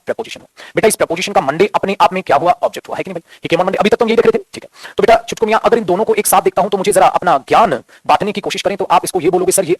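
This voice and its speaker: A man's voice: sits high, husky, no room sound. A man teaching English grammar to students, fatherly and scolding by turns, often calling them his children. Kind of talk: classroom grammar lecture.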